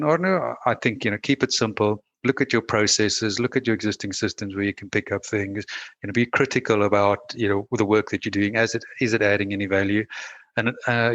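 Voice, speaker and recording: This South African man is a guest on a relaxed interview, a managing director working through his thoughts aloud with frequent restarts, fillers and "you know"s. His pitch sits fairly low and his tone is a bit bright. The recording sounds muffled and carries no room sound.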